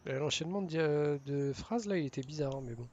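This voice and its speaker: A man casually commenting while playing a video game, with quick, amused remarks. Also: fairly high pitch, darkish tone, muffled recording, a little hiss or hum. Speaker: let's play host.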